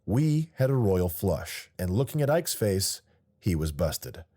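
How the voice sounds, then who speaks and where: A man's voice: low-pitched, sing-song, a little slow, mellow. A man, the author, narrating his own audiobook in a wry first-person storytelling manner.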